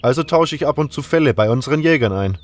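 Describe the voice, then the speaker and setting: Wolf, a calm friendly young hunter, as a man voices him. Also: medium pitch, fast talker, soft background music, voice pushed up, close to an everyday voice. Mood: easygoing. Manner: calm, easygoing, matter-of-fact.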